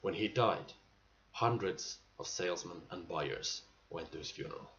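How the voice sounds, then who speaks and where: An aging salesman, acted by a man, delivers a dramatic stage monologue in a low voice. He is earnest and nostalgic, with halting phrases and emphatic bursts. The amateur recording is dull, with clear noise behind him. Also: a bit bright. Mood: wistful reverence. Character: aging male salesman, nostalgic, pleading, weary pride. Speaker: actor performing a monologue.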